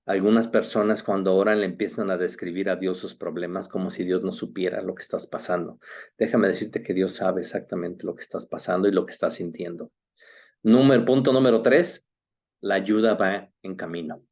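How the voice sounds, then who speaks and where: A man's voice: sits low, steady tone, a little fast, darkish tone, muffled recording. A man, preaching a sermon as pastor in an earnest way, often rising into emphatic questions.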